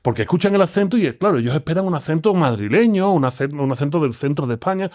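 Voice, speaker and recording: A man from Seville with an Andalusian accent, a philosopher talking as a guest in an interview, expressive and lively in his pitch. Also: fast talker, no room sound, clean studio sound. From Seville, Spain. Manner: expressive, talks with animated pitch swings. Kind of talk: conversational interview.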